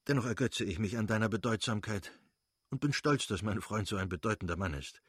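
A man voicing an earnest, shy young male landowner in a read-aloud novel, blunt and easily flustered, with a husky voice. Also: lowish voice, a little fast, a bit bright, dry recording, studio quality.

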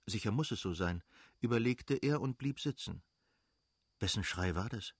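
A man reading a literary novel aloud as narrator, measured and dramatic. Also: on the low side, lively intonation, breathy edge, no echo, clean studio sound. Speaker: audiobook narrator.

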